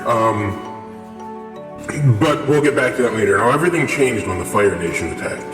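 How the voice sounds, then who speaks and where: A man's voice: on the low side, animated, moderate pace. A young man rambling through a casual story with lots of fillers, his voice run through a voice changer. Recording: echoey with long reverb, music behind.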